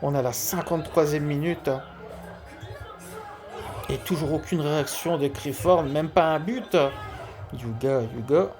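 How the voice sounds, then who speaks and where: Un homme qui zozote, avec des s chuintants, commente en amateur un match de jeu vidéo en direct et répète certains mots pour insister. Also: male voice, fairly high pitch, a little slow, long pauses, over music, a crowd in the background. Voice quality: lisping, slushy s and sh sounds. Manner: repeats key words for emphasis. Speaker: amateur live streamer. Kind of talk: football video game commentary and dedication to a friend.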